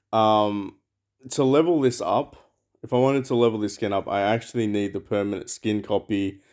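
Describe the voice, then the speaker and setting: A man's voice: lowish voice, darkish tone. A man giving rambling, casual commentary over a mobile game, thinking aloud with lots of fillers. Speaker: mobile game channel host.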